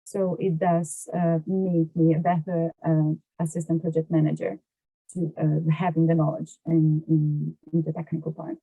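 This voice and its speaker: A water resources engineer with a Brazilian Portuguese accent explains things as a podcast guest, pausing often to find her words. Her voice is very soft-edged, dark, slightly low, husky, and flat with vocal fry. The recording is dry and close, with no echo and the highs cut off.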